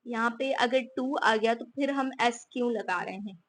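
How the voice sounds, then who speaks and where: A woman's voice: a little high, moderate pace, a little hiss or hum. A woman from Pakistan, casually lecturing on English grammar and often checking in with rhetorical questions. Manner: explains with repeated "theek hai" and rhetorical questions. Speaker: teacher explaining English grammar.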